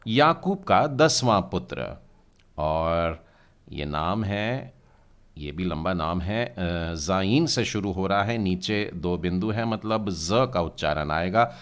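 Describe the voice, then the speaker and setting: Here a Hebrew teacher with a low, clean voice leads a language class. Letter by letter and sound by sound, he spells things out patiently, talking straight to his learners and asking them to read.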